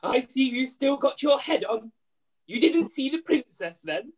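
A woman's voice: sits high, sing-song, a little slow, a little mellow, breathy edge, full character voice. A woman playing a brash, long-suffering widowed mother in an amateur pantomime read-through, arch and exclaiming, on a video call. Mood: nagging, incredulous.

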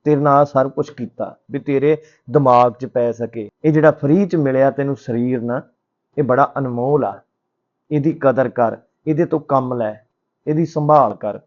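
A man voicing a wise old holy man who patiently lectures and gently scolds. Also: mid-range voice, moderate pace, lo-fi sound, close to an everyday voice. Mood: teasing.

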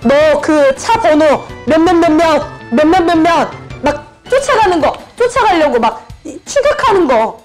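A woman's voice: sits high, lively intonation, a little slow, loud music behind the voice. A woman hosting her channel, describing clues in a party guessing game and repeating words over and over. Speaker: channel host.

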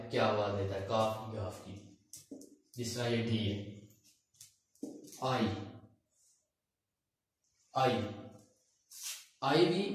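Slow, deliberate man teaching in an echoey room. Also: mid-range voice. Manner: slow and deliberate, repeating each letter. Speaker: language teacher. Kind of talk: recorded alphabet lecture. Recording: distant mic in a very echoey room.

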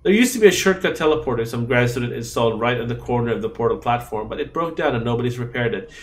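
A man's voice: medium pitch, expressive, fast, close to an everyday voice. A man voicing a blunt, dismissive combat-magic student in a fantasy game. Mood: matter-of-fact.

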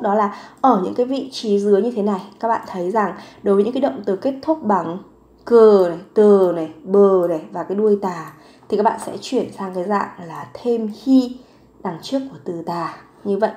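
Woman teacher going through grammar, patient, repeats words slow, mid voice, roomy echo. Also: mid-range voice, a little mellow. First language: Vietnamese. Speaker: Korean language teacher. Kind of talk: grammar lesson explanation.

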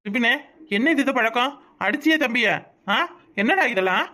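A woman's voice: fairly high pitch, expressive, moderate pace, pushed and bright. A woman voicing a kindly old grandfather in a cartoon, fussing and making peace between squabbling boys. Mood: chiding. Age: older. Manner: fussing, peacemaking, rural Tamil speech. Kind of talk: cartoon voice acting.

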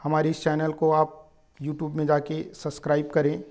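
A man's voice: fairly high pitch, monotone, moderate pace, darkish tone. A male teacher giving a grammar lesson, explaining step by step and repeating example phrases with changed intonation to show their meaning.

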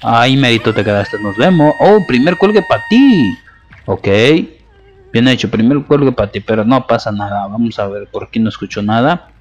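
A man's voice: mid-range voice, expressive, moderate pace, soft background music. Taunting Mexican man commentating gameplay. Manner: taunting, playful trash talk at opponents.

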